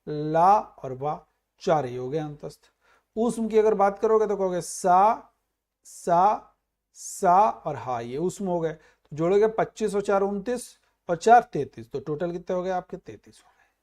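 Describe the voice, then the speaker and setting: A man's voice: high voice, darkish tone. Man teaching a grammar exam class. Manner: explains with everyday examples, calls students "bhai". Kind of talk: exam prep grammar lesson.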